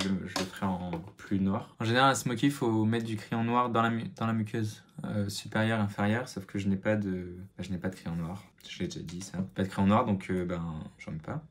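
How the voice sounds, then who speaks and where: A young man chatting through a makeup tutorial at home, self-mocking and muttering as he works. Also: on the low side. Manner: self-mocking, mutters and sighs at own mistakes. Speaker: makeup vlogger. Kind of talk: casual makeup tutorial chat.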